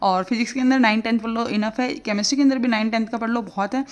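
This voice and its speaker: A woman's voice: a little high, fairly even intonation, fast. A woman, giving casual exam-prep study advice as a tutor and chatting with plenty of fillers.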